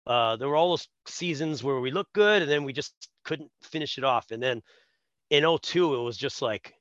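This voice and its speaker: A podcast co-host tells a story in casual chat, animated and laughing often as he acts out quotes. His voice is medium in pitch at a normal speed, and the audio is dull with no echo.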